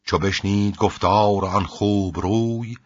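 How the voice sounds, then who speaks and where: A man reciting classical epic poetry in a measured, rhythmic chant. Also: lowish voice, fairly even intonation, slightly rough, no room sound. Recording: dull, lo-fi dry recording.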